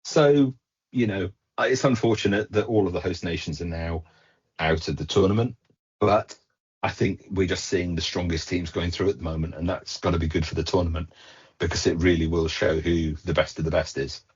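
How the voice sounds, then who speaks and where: A man co-hosting a casual podcast chat, measured, with dry punning asides. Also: sits low, slightly rough. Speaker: podcast co-host. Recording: dull lo-fi podcast audio.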